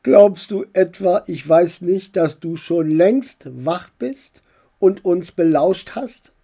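A woman voicing a kind but secretive uncle who dodges questions and teases gently in a storybook reading. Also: on the low side, takes it slowly, vocal fry, husky, heavily acted. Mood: teasing calm. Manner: evasive, gently teasing.

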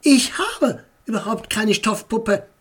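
A teasing older sister from a family storybook, played by the narrator, quick to get embarrassed. Her voice is pitched well above the reader's own, with excited, drawn-out exclamations. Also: slightly rough, exaggerated voice.

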